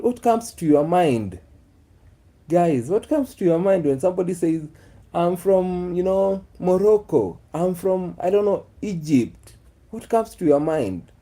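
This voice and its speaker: Slow, dark-voiced man. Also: fairly high pitch. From Kenya. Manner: musing, repeats phrases, talks to the chat. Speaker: vlogger. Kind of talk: casual live chat with viewers.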